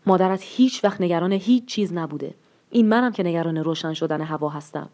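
A woman's voice: on the low side, a little mellow, natural voice. A woman voicing a frightened, pleading middle-aged father in a read-aloud story, with an urgent delivery. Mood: weary.

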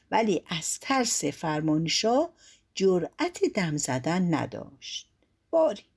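A woman telling a folk tale aloud, with lively narration and changing voices for the quoted figures. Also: fairly low pitch, creaky. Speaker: storyteller.

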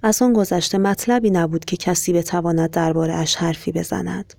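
Gravelly, flat story narrator. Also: mid-range voice, no echo, clean studio sound. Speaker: podcast storyteller. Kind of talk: scripted narration.

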